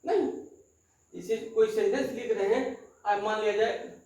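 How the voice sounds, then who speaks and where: A man teaching English grammar in a classroom lecture. He repeats key terms and keeps checking that students follow with quick questions. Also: high voice, darkish tone. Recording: very echoey room, voice far from the mic.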